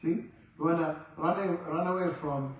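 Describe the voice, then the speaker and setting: In a mosque prayer hall, a man leads an informal question-and-answer religious class, quizzing his listeners and emphatically repeating key words. His voice is fairly high, with fairly even intonation and a normal speed. The recording sounds dull and echoey, with the mic far from him.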